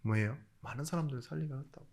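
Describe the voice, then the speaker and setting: A male pastor delivers a sermon in a mid-pitched voice. He swings between soft, almost spoken asides and sudden loud, rising emphasis, keeps asking the congregation rhetorical questions, and lightens the preaching with jokes. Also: very fast, vocal fry. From South Korea. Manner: jokey asides.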